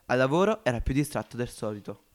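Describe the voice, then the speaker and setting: A man reading a story aloud for a homemade audiobook podcast. He keeps a measured, expressive delivery at a middle pitch. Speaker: narrator. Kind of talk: amateur audiobook narration.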